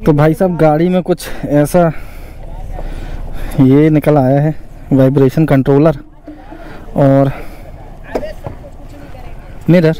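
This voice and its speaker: A young man motovlogging from a helmet camera by a highway roadside, talking casually about a crash and the bike's damage. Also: slow, long pauses. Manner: excited shouting at the crash, then calm commentary on damage. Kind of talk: casual vlog narration. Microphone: helmet-mounted action camera. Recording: loud road and wind noise outdoors. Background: traffic and wind noise.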